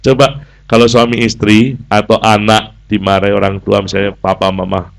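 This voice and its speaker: A man's voice: lowish voice, moderate pace, gravelly. A man with a Javanese accent preaching a sermon as a pastor, humorous and acting out the people he quotes. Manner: animated, humorous, acts out quoted dialogue.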